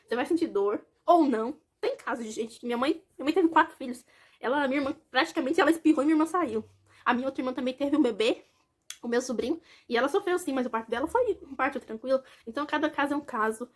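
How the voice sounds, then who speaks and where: A young woman from Brazil, a vlogger telling a personal story in a chatty way, talking straight to her viewers. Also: high voice. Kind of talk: casual personal story to camera.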